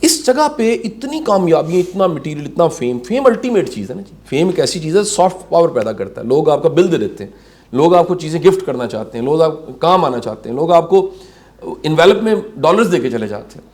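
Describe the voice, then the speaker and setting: A man hosting a conversational interview, asking long, animated rhetorical questions. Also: fairly high pitch. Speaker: talk show host.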